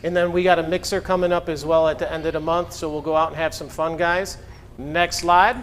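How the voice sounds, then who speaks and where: A man leading a team sales meeting, energetic and hyping up the team. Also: a little high, fairly quick, slight background noise. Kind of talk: upbeat meeting announcements.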